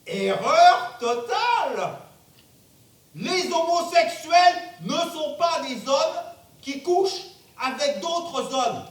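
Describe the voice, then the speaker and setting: An actor on stage playing an arrogant, powerful man in angry denial, declaiming emphatically in a theatrical monologue. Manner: emphatic, declamatory, bursts into shouting. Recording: distant mic, very echoey theatre, rumbling noise.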